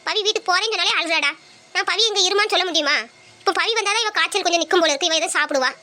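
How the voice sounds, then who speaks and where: A woman's voice: very high voice, rapid-fire, sharp tone. A woman acting a worried grandmother who scolds and pushes her grown son. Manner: scolding, insistent. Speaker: mother of the father. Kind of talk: home drama acting.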